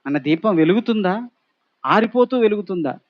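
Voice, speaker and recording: A man's voice: high-pitched, animated, normal speed, no room sound, dull audio. A male pastor preaching a sermon, pressing the congregation with repeated rhetorical questions and emphatic exhortations.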